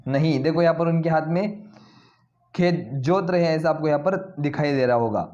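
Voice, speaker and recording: A man teaching a Sanskrit lesson in Hindi. He reads each Sanskrit word slowly, then explains what it means. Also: fairly high pitch, darkish tone, highs cut off.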